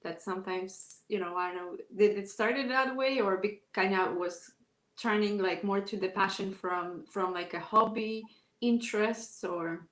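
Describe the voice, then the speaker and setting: A woman hosting a live-streamed interview show, speaking hesitantly with many fillers over a video call. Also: medium pitch. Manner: halting, many fillers and restarts. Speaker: show host. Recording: echoey room.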